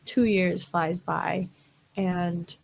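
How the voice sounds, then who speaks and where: A woman's voice: lowish voice, fairly even intonation, drawn-out words, vocal fry, poor audio. A young woman, a model, chatting casually as an interview guest, rambling with many fillers.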